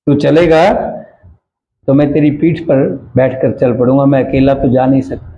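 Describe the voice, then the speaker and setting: A man voicing a cunning, greedy male jackal in a storytold fable, speaking in a low, wheedling tone. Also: fairly even intonation, moderate pace, highs cut off, slight background noise, close to an everyday voice. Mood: sly wheedling.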